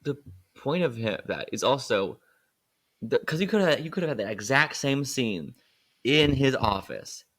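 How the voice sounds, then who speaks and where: A man's voice: medium pitch, lively intonation, moderate pace, fairly bright tone. A man who makes films, a guest co-host talking casually and thoughtfully about filmmaking craft. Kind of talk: casual film discussion.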